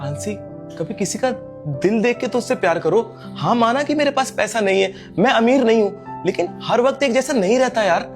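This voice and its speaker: A man's voice: high voice, a little mellow. Casting: man as humble young servant, earnest and pleading, faint music under. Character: poor young male servant pleading for love. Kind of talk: scripted skit acting.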